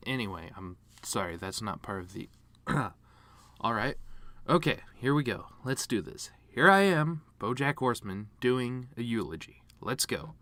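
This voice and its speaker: A man performs a dramatic monologue as a bitter, grieving horse giving his mother's eulogy, rambling with sardonic, self-deprecating deadpan humor. The mood is awkward, and his mid-range voice is unhurried.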